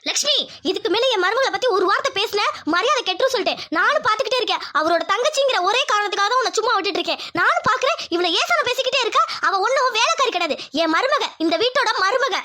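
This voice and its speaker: A woman's voice: very high-pitched, expressive, fast talker, hardly any pauses, bright, forceful tone, full character voice. A woman voicing a caring, protective middle-aged village mother-in-law in a Tamil cartoon family drama, scolding and dramatic. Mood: stern.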